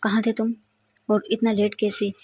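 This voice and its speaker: A woman's voice: medium pitch, little pitch movement, normal speed, darkish tone, slight background noise, lightly acted. A woman playing a furious strict father. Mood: angry. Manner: harsh, scolding. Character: furious strict father, middle-aged man.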